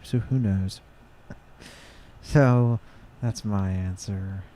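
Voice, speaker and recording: A man's voice: fairly low pitch, very slow, warm tone. A man on a casual podcast chat, talking in an easygoing way with lots of "you know" fillers. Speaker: podcast guest.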